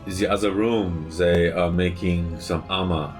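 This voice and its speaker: Male tabletop player, deep voice, informal role-play chat, clear music behind. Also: fairly even intonation, measured pace. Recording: loud music under the voice.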